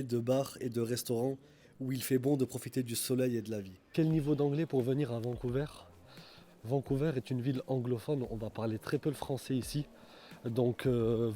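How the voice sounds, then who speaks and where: A man from France chatting casually in a travel vlog while walking around a city, often pausing on "euh" and restarting his sentences. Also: mid-range voice. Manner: chatty, relaxed, frequent fillers and restarts. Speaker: vlogger. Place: outdoors in a city. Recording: loud street noise behind.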